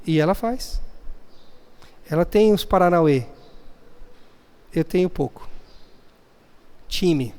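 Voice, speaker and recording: A man with a high, smooth, resonant voice preaches in a church, telling stories and acting out the people in them. His voice rings with a long hall reverb. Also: slow, pauses often, darkish tone. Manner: storytelling, acting out family scenes. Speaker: pastor. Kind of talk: sermon.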